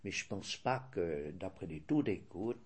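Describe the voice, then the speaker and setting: Answering interview questions, an older man speaks in a low, breathy voice with lively intonation and a Swiss French accent. He is measured and hesitant, often restarting and fixing what he said.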